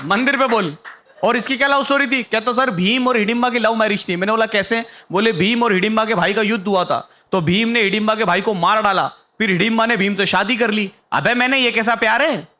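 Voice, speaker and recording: A man's voice: sits high, a little fast, pushed and bright, faint music behind. A young man performing a stand-up comedy set on stage, telling a story and acting out the other people in it. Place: stage before a live audience.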